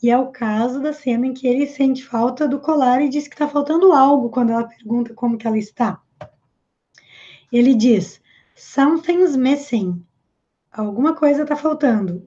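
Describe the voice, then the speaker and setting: A woman's voice: high voice, normal speed, mellow. A Brazilian woman with a Brazilian Portuguese accent who teaches English and patiently explains words step by step. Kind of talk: explanatory language lesson. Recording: slightly dull lo-fi audio.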